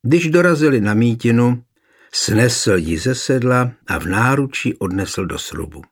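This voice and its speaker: A man narrating a historical novel in an expressive storytelling way. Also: medium pitch. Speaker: audiobook narrator.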